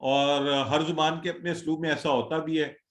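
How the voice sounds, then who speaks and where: A man's voice: fairly high pitch, fairly even intonation, moderate pace, fairly bright tone, echoey room. A male teacher leading an online class, patiently drilling word forms and calling on students one by one. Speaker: Quran Arabic teacher.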